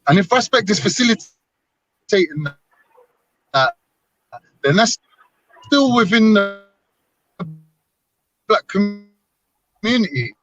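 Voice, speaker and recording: Caller, man, 40s, slightly higher voice, argumentative, connection breaking up, dull lo-fi line. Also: expressive, takes it slowly, pauses often, fairly bright tone, faint music behind. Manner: argumentative, pressing his point. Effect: call audio breaking up and cutting out. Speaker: caller in an online debate. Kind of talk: heated group discussion. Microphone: remote call.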